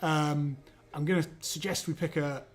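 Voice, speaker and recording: Easygoing man explaining software. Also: fairly high pitch, fairly even intonation, normal speed. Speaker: guest presenting software. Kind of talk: casual livestream product demo.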